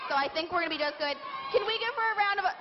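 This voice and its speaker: Speaking very fast in a very high voice with lively intonation, a woman runs a live science and magic show for kids, party-magician style, prompting the crowd to join in. The live recording sounds muffled amid a noisy audience and background noise.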